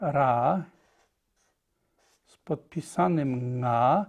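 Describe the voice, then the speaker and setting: A man's voice: medium pitch, drawn-out words, a little mellow, dull audio. A man teaching a language lesson, patiently explaining and repeating each point step by step.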